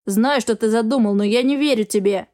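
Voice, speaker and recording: Gruff dragon husband played by a woman, barking, protective, audiobook reading. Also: on the high side, brisk, warm tone, lightly acted. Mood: angry.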